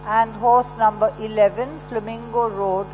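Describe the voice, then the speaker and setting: A woman reading a formal announcement over a racecourse loudspeaker, measured and repeating each item slowly. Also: on the high side, fairly even intonation. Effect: over a loudspeaker public address system. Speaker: racecourse public address announcer. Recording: loudspeaker echo in a big venue with faint mains hum.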